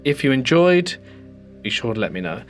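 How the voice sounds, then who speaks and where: This is a ghost story channel host, a man whose mid-range voice reads out submitted stories calmly and deliberately. He draws out dramatic pauses while faint music plays underneath.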